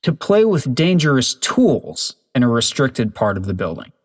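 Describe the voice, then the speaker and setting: A man's voice: mid-range voice, very animated, normal speed, husky. A man voicing a stern, strict older male teacher in a storybook reading. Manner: stern, snarling.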